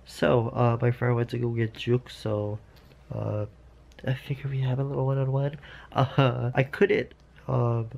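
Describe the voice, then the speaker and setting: A man's voice: medium pitch, level tone, unhurried, gravelly, a little mellow, highs cut off, a little hiss or hum. A man chatting casually to camera as a vlogger, congested from nose surgery, with playful, campy asides. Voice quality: congested, blocked-nose sound after nose surgery.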